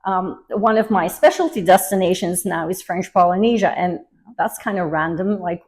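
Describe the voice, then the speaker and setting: A woman's voice: fairly low pitch, gravelly, a little mellow, poor audio. A middle-aged woman from Belgium with a slight Belgian accent, chatting casually as an interview guest with many fillers. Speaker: guest, luxury travel advisor.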